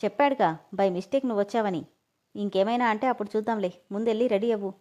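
A woman's voice: medium pitch, fast, warm tone, natural voice. A woman reading the lines of a teasing, easygoing young man in a storybook reading.

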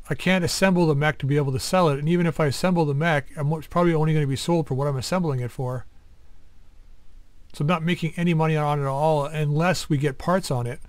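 A man's voice: a little high, no room sound. Man with a raised voice, thinking aloud. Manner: thinking aloud, muttering over menus. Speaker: let's play host. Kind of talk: casual game commentary.

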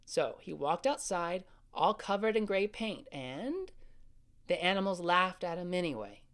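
In a family audio drama, an actor plays a caring older brother who gently soothes his little sister with a bedtime story. His voice is high-pitched and exaggerated, with lively intonation and an unhurried pace.

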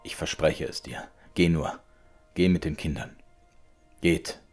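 A man's voice: very deep voice, unhurried, faint music behind. A man voicing a tired, resigned father with a worn, broken voice, in an audiobook reading.

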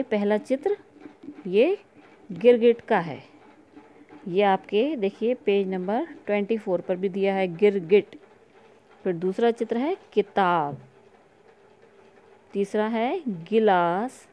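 A woman teacher leads a recorded lesson for young pupils. Her voice is mellow and unhurried. She reads each word slowly and plainly so the children can follow along. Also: mid-range voice. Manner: slow, clear word-by-word reading for young children. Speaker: school teacher. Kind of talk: recorded online class lesson.

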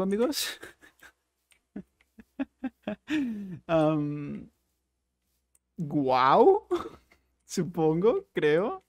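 A young man giving casual, jokey Minecraft let's play commentary, with bursts of excited exclaiming. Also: on the high side, creaky, dry recording, studio quality. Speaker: gaming YouTuber.

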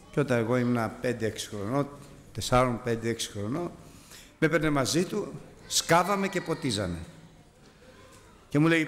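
Male preacher, animated sermon delivery with big pitch swings, recorded in a reverberant church hall. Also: slight background noise. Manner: animated, rising to high exclamations and dropping low for storytelling.

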